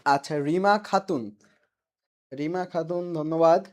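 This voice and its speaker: A man's voice: fairly high pitch, slow. Man teaching a live online class. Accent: Bangladeshi Bengali. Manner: repeats questions and answers, reads student names from comments.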